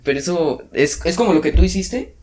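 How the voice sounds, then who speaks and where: A man's voice: a little high, animated, fairly quick, a little mellow, echoey room. A man, co-hosting a casual podcast and mostly reacting with short interjections. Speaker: podcast co-host. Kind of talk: casual chat.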